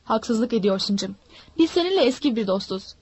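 A woman voicing a sly, menacing old male pirate who coaxes and threatens smoothly. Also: a little high, animated, normal speed, darkish tone, dry recording. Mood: sly coaxing. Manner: smooth-talking, mocking threats.

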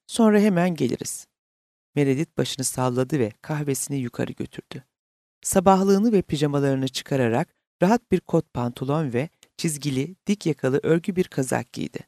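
Gravelly male audiobook narrator. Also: medium pitch, normal speed, mellow, dry recording, studio quality.

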